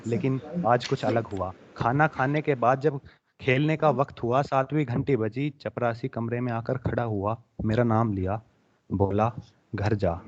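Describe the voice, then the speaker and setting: A young man reciting his own emotional poem at a student poetry competition, his voice swelling with feeling and then dropping to soft, hushed passages. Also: mid-range voice. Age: young adult. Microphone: online webinar microphone. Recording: dull lo-fi webinar audio.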